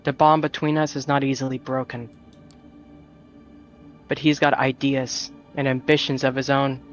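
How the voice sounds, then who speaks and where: Guy doing a tired lonely vampire girl, quiet and subdued, kinda dull lo-fi sound, faint music. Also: mid-range voice, level tone, moderate pace, lightly acted. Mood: weary. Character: young lonely wary female vampire drifter. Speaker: streamer voicing a character. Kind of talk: reading a visual novel aloud.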